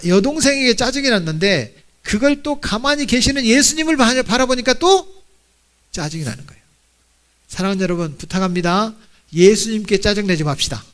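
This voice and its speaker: A middle-aged man preaching a sermon in a high, lively voice. He tells the story with animation, slipping into acted-out voices. He often stops to ask the congregation questions. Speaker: senior pastor.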